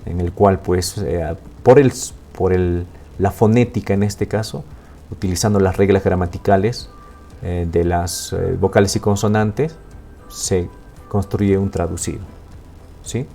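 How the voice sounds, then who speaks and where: A man teaching a Quechua language lesson in Spanish with a Peruvian accent, explaining slowly and checking in often with "¿no?" and "¿sí?". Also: deep voice, fairly even intonation, warm tone, faint music behind. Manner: slow, explaining with frequent "¿no?" and "¿sí?" checks.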